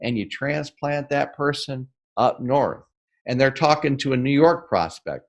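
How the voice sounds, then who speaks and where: On an interview podcast, a guest from the northern United States breaks down how to sell. His mid-range voice carries real energy and emphasis; he keeps asking "right?" and speeds up or slows down to drive ideas home.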